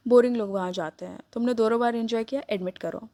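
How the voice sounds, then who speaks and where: A woman voicing a possessive, teasing young man who stays calm while threatening, in a dry-sounding recording. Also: on the high side, fast talker, no room sound, lightly acted. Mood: smug. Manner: smirking, coolly threatening. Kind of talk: read-aloud story dialogue.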